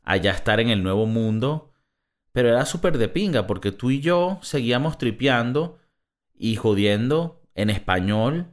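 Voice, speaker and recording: A man's voice: mid-range voice, expressive, normal speed. A man from Venezuela with a Venezuelan accent, co-hosting a casual chat in a frank, laughing, profane way. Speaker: podcast co-host.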